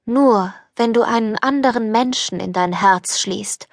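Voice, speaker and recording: A woman's voice: a little high, unhurried, gravelly, no room sound, studio quality. A woman voicing a stern old fairy. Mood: solemn.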